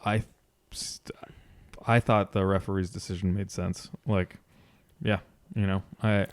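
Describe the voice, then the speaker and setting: A man co-hosting a podcast gives casual sports recap commentary, explaining in a measured way and repeating phrases. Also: low-pitched, level tone. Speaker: podcast co-host.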